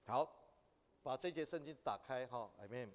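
A man's voice: medium pitch, moderate pace. A man teaching a church class, asking his listeners questions and rising to emphatic exhortation. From Taiwan. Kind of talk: church training lesson. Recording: long reverb of a hall.

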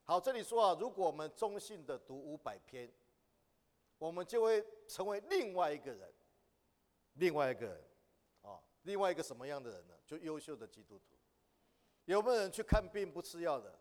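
A man leads a church training lesson, his voice pitched a little higher than most men's. He keeps putting questions to the room and lifts into emphatic appeals. His words ring out with the long reverb of a meeting hall. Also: big pitch swings, fairly quick. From Taiwan. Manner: asks the audience questions, rising to emphatic exhortation. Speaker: church class teacher.

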